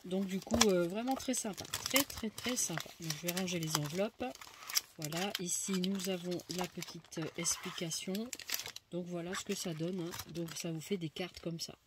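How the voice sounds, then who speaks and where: A woman chats casually as she unpacks craft supplies at home, hesitant and thinking aloud between fillers. Her voice sits at an ordinary middle pitch. Loud crinkling packaging and clicks run behind her. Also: heavy background noise. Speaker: craft vlogger showing a haul. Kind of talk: casual unboxing commentary.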